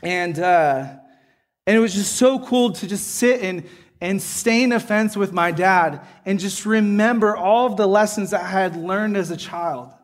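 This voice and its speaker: A man's voice: high-pitched, measured pace. A man preaching a sermon earnestly, often checking in with the listeners by asking "right?". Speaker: pastor.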